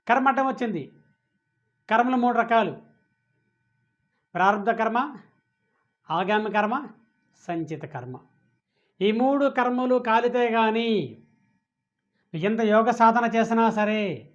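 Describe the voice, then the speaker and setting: A man giving a spiritual discourse, asking questions and answering them himself. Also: high-pitched. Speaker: spiritual teacher. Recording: dull lo-fi audio.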